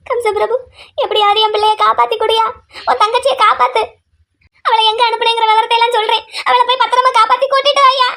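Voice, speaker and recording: A performer voicing a distraught middle-aged aunt in a cartoon drama, wailing and begging in a thin, squeaky voice. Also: little pitch movement, fast, bright, forceful tone, heavily acted. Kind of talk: cartoon voice acting.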